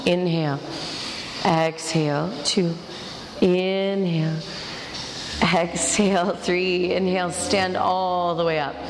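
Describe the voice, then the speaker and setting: A woman's voice: lowish voice, steady tone, slow, pauses often, background noise. A woman teaching a yoga class, giving directive step-by-step cues and counting breaths. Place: large echoey indoor studio with a class. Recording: echoey hall with music behind. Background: music.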